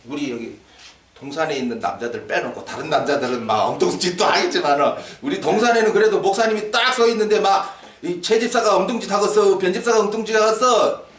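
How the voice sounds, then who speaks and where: Lively older male pastor preaching. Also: high-pitched, a little hiss or hum. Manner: lively, asks the congregation questions, jokes. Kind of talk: sermon. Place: church sanctuary. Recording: echoey church hall, mic at a distance.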